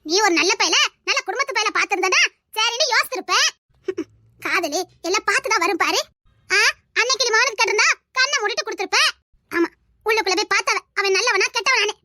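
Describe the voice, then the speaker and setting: A performer voicing a stern, sharp-tongued mother in a homemade family drama, with a Tirunelveli accent. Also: extremely high pitch, quick pace, dry recording, clean studio sound, full character voice. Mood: angry scolding. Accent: Tirunelveli Tamil. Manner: harsh, commanding, sharp-tongued. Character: stern scolding middle-aged mother.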